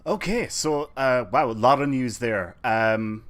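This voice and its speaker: A man's voice: medium pitch, a little slow, fairly bright tone. Hesitant man hosting a podcast. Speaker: podcast host asking questions. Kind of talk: casual interview chat.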